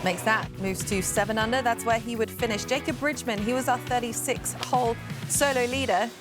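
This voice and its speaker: A woman hosting a golf studio show, delivering broadcast commentary on highlights. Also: fairly quick. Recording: music bed behind studio narration. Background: music.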